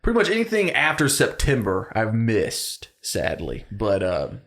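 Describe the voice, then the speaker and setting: A man's voice: lowish voice, measured pace. A young man co-hosting a casual film podcast, laughing often and jumping between jokes and lists. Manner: animated, laughs often, drops into mock voices. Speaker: podcast co-host. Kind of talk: casual chat.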